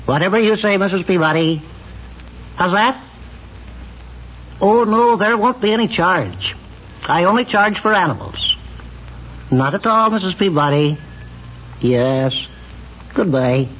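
An actor playing an absent-minded, rambling country animal doctor in an old radio comedy. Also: male voice, high voice, animated, unhurried, pauses often. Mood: polite. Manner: rambling, distracted, throat-clearing, repeats himself. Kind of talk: 1940s radio comedy-drama acting. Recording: dull, noisy old radio recording.

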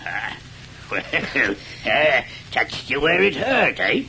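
A man's voice: mid-range voice, very animated, slow pace, creaky, pushed and bright, slight background noise, full character voice, rough recording. An actor playing a cantankerous, suspicious rich old uncle, scolding his relatives in a bitter family row in an old radio drama. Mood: scornful, accusing. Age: older.

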